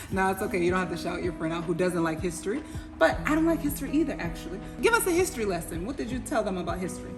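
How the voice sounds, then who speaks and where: A woman chatting casually as an interviewer in a restaurant. She is animated, laughs often and turns to talk to her viewers. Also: medium pitch, fast. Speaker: interviewer, vlogger. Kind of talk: casual chat. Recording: clear background music.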